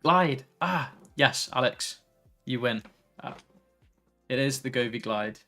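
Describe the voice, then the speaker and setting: Guy on a chill tech livestream, bit gravelly, tired and laid back, faint music going underneath. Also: medium pitch, takes it slowly. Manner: relaxed, tired, easily sidetracked, reads chat aloud. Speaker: tech streamer. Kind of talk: casual live stream chat.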